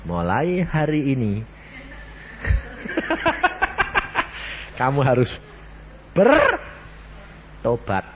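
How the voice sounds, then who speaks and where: A man's voice: mid-range voice, wildly swooping pitch, very slow, pauses often, lo-fi sound, slight background noise. A man, preaching a sermon and firing rhetorical questions at the congregation. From Central Java, Indonesia. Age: 80s. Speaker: evangelist preacher.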